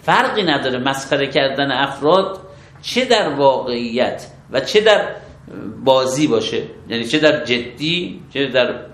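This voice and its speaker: A man, a religious law scholar, explaining rulings step by step in an interview, measured and methodical. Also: medium pitch, animated, fairly bright tone, reverberant. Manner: measured, methodical, affirms with short approvals.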